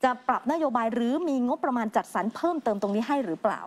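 A woman co-hosting a midday news show, talking quickly and freely. Her voice sits a little high. She mixes the news reading with her own pointed remarks. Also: lively intonation. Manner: chatty, opinionated, adds remarks. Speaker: news co-anchor. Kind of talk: conversational news commentary.

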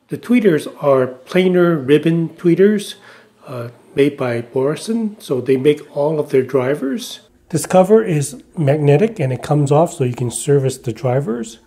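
A mellow-voiced audio reviewer in his forties casually walks through a speaker review at a measured, easy pace, his voice a little high and full of uh's and restarts. He's filmed at chest height in a bare, echoey living room without carpeting.

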